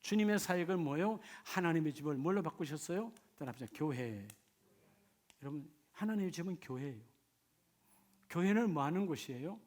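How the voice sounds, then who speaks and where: A middle-aged male pastor from the Gyeongsang region preaching a sermon in a church, moving between soft personal storytelling and loud, fervent exhortation. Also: fairly high pitch, lively intonation, brisk. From Gyeongsang region, Korea. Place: church sanctuary.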